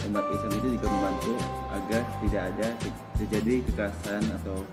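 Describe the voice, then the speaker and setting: A man's voice: lowish voice, level tone, fast talker, over loud music. A young man from Pontianak, a student, giving a casual opinion, hesitant and restarting words. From Pontianak, Indonesia. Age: young adult.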